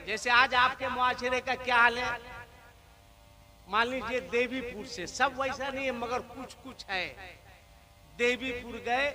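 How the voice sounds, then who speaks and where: A male preacher. He speaks slowly, telling the story at a measured pace, then breaks into loud, emphatic scolding. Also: very high-pitched. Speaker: Islamic preacher. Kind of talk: Hindi religious speech (taqreer).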